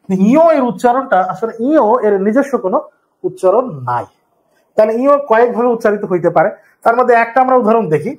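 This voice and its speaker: Young adult male tutor, high voice, patient step-by-step live lesson delivery. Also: expressive, quick pace. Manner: repeats key terms, explains step by step. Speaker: teacher. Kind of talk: live online exam-prep lesson.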